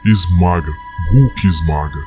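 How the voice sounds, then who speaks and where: A man voicing a hulking green male monster, deep and gruff, speaking in short broken sentences over music. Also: slow, dark tone. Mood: raging.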